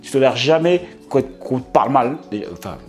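Over soft background music, a young man hosting a dating advice video speaks at medium pitch and a normal pace. His storytelling is lively and streetwise, full of slang and jokes.

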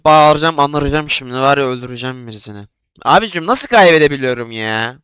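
A young man commentating his own gameplay in a casual way, excitable and trash-talking, jumping from yelling to muttering. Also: medium pitch, clean tone, no echo, lo-fi sound. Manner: excitable, yelling and trash-talking, quick swings from loud to mumbling. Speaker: gaming YouTuber.

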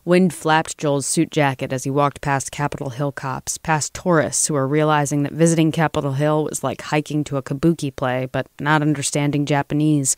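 Woman narrator, measured dramatic reading, dry close sound. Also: low-pitched, a little mellow, clear, resonant tone, dry recording. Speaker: story reader. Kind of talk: audiobook narration.

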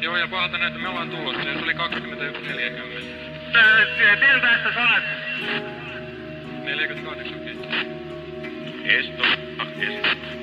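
A man's voice: on the high side, fast, pauses often. A ship's radio operator, a man, making clipped calls with hesitations over a marine radio transmission. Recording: lo-fi radio with music behind. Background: music.

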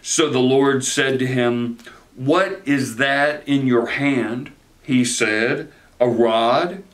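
A man in his forties, a pastor preaching a sermon from a chair in a study, animated and gesturing, often repeating words as he starts a phrase. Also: medium pitch, slow pace. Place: study with bookshelves, indoors.

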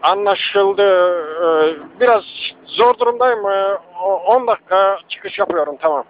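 A man's voice: sits high, measured pace. Hesitant man answering over walkie-talkie. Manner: hesitant, with fillers. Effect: over walkie-talkie radio. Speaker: police officer on patrol. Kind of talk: radio reply to dispatch. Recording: muffled radio with faint static.

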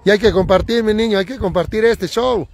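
A man with a Mexican accent giving excitable live commentary outdoors on a hillside, recorded on a handheld phone, repeating warnings and catchphrases. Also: high-pitched, fairly quick. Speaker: livestream commentator. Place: outdoors on a hillside race course.

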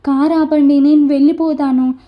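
A woman's voice: high-pitched, steady tone, normal speed, natural voice. A woman voicing a frightened, tearful young bride. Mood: tearful pleading. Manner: pleading, crying, breathless questions. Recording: dull lo-fi recording.

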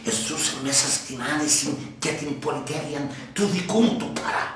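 An actor with a Cypriot accent playing a boastful, wealthy husband who rants indignantly. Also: male voice, a little high, recorded from a distance, close to an everyday voice. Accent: Cypriot Greek. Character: pompous wealthy middle-aged husband, self-righteous. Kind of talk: sitcom acting. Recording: echoey room from afar, faint noise.

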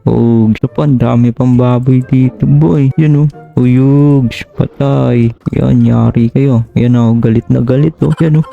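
A man giving chatty, excitable Minecraft let's-play commentary, often calling out to his viewers. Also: medium pitch, slow, creaky. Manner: chatty, keeps saying "boy" and "tara, tara", excitable. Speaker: gaming YouTuber. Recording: slightly dull lo-fi voice with game music behind.

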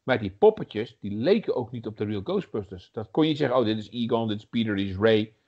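A man's voice: fairly low pitch, expressive, fairly quick. Rambling man, muffled lo-fi sound. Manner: rambling, many fillers and restarts. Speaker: podcast co-host. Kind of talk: casual chat about retro games.

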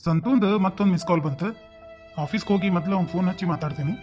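A worried young husband in a cartoon , as a man acts him out, grumbles stubbornly in a high North Karnataka voice. He speaks plainly and digs in his heels. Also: very fast, darkish tone, faint music behind, lightly acted. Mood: grumbling. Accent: North Karnataka Kannada.

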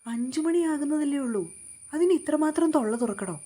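A woman's voice: medium pitch, animated, dark tone, slightly rough. A woman voicing a sassy, stubborn young woman of about twenty who pouts and protests in a storybook reading. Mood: indignant. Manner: pouty, teasing, quick to protest.

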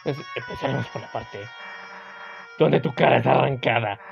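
A person voicing a gruff, threatening purple monster girl with a curt, menacing manner in a video game. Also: mid-range voice, normal speed, dull audio, faint music behind. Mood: irritated, threatening.

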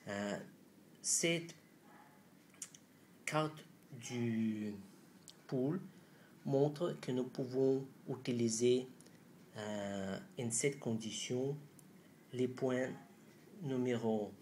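A man in his thirties gives a lesson in French with a foreign accent, clearly not his native language. He speaks extremely slowly and haltingly at an average male pitch, searching for his words. The amateur indoor recording has faint background noise. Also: a little mellow. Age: 30s. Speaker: doctor presenting an acupuncture method. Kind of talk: instructional presentation. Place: small room indoors.

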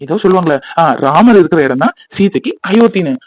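A man's voice: high-pitched, expressive, fast talker, dry recording. A man voicing a playful young husband in a cartoon who teases and mocks his crying wife. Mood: teasing. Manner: mocking, teasing.

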